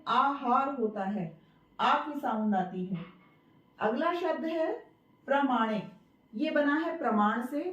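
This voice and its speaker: A woman hosting her channel and teaching spelling, patiently saying each word again and asking and answering her own questions. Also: high-pitched. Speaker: Hindi teacher and channel host. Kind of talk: spelling lesson to camera. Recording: roomy, distant, dull sound.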